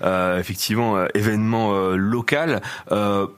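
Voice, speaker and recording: A man's voice: fairly low pitch, fairly even intonation, normal speed, smooth, no echo. A man hosting a casual radio interview, asking friendly questions with hesitant fillers. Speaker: radio host. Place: radio studio.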